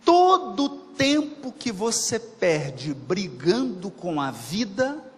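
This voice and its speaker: A man's voice: high-pitched, wildly swooping pitch, slow pace. A man giving a spiritist lecture to an audience, talking colloquially, repeating phrases for emphasis and putting questions to his listeners. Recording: reverberant lecture hall.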